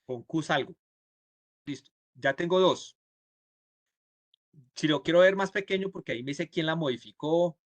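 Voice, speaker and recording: A man's voice: mid-range voice, dry recording. A man from Colombia teaching a programming class live, explaining each step and checking with his students. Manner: acts out the computer's replies in quotes. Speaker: programming instructor.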